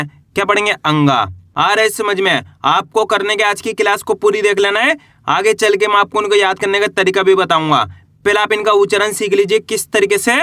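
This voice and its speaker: A man teaching a beginner reading lesson, drilling each sound slowly and asking his viewers to repeat after him. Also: high voice, pushed and bright, dry recording, studio quality. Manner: slow, drawn-out pronunciation drills with call-and-response questions.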